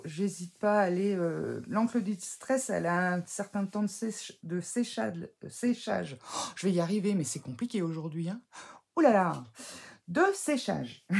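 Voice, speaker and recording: A scrapbooking crafter talks through a casual tutorial while working with her hands, her lowish voice gravelly and darkish with a breathy edge. She sounds hesitant and uses lots of fillers. She often corrects herself and pokes fun at herself.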